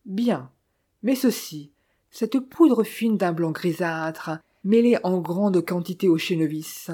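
A woman reading the lines of a small, courteous older male detective in formal, measured speech. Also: fairly low pitch, mellow, husky.

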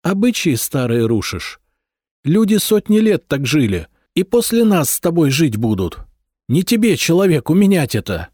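A man voicing a high, tearful, defiant princess. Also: sing-song, normal speed, a little mellow, no echo, studio quality. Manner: pleading, shrill and tearful.

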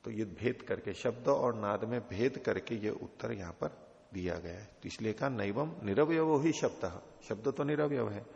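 Middle-aged guy lecturing, patient, explains w examples, gravelly voice, muffled echoey hall. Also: lowish voice, moderate pace, darkish tone. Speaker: teacher of philosophy texts. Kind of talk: classroom lecture with questions. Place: teaching hall at an ashram. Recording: dull reverberant hall recording.

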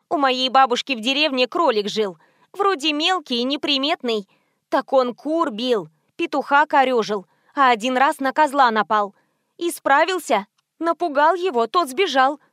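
A woman voicing a chatty, frightened young female shop assistant in an audiobook, talking in a high, eager flutter. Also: expressive, unhurried, a bit bright, no room sound, clean studio sound. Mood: excited confiding. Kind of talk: audiobook reading.

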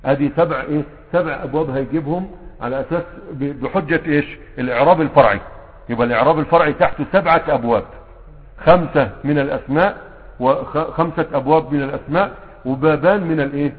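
Fast-talking Egyptian teacher in an echoing hall. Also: male voice, fairly high pitch. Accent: Egyptian Arabic. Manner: quizzes students with constant rhetorical questions. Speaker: teacher of Arabic grammar. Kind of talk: classroom lesson. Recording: tinny phone-like sound with long hall reverb.

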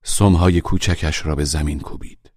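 Deep-voiced man narrating a story. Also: steady tone, a little mellow, husky, no room sound, studio quality. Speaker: audiobook narrator.

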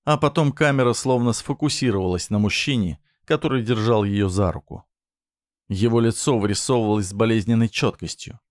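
Low-voiced male storyteller, dry and close. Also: no room sound. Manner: measured, dramatic reading. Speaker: narrator. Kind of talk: scripted narration of a dramatic story.

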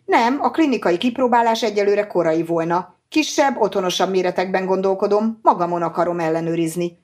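A woman voicing a calm, self-assured male scientist in an audiobook, speaking in a measured, explanatory way. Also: medium pitch, close to an everyday voice.

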